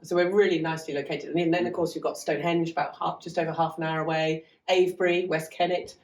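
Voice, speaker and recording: A woman's voice: low-pitched, flat delivery, quick pace. A woman guest on a casual podcast, chatty and rambling with self-deprecating asides, talking about her farm. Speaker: guest running a farm learning hub. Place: half-open converted cart lodge on a farm. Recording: echoey room, mic at a distance.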